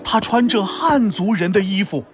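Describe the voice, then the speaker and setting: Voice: medium pitch, expressive, moderate pace, music in the background. A playful, exaggerated storyteller host narrating a scripted history tale for children.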